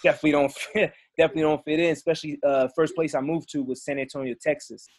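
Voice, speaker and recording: A man's voice: fairly high pitch, fairly even intonation, fast talker, no room sound. Easygoing man. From Belgium and Congo. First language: French. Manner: friendly, easygoing storytelling. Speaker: guest musician. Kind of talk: casual podcast chat.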